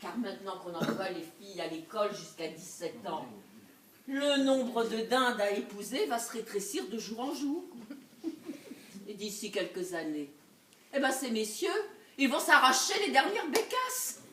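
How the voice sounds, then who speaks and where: An actress playing a scheming, vengeful jilted wife in a live stage comedy, laughing and swinging between loud outbursts and low asides. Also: female voice, big pitch swings, measured pace, slight background noise. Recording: echoey stage recorded from far off.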